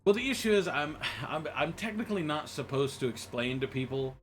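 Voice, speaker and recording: Faint music sits behind this American gamer as he streams and talks with his viewers in a rambling, joking way, laughing and frequently stumbling into restarts. He speaks a little fast, his voice on the high side with lively intonation.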